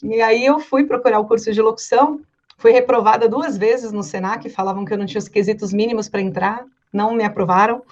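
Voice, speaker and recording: A woman from Brazil, a voice-over artist, chatting casually and telling stories with lively quoted voices. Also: fairly high pitch, fast, highs cut off. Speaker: voice-over artist and director, guest. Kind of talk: casual podcast chat.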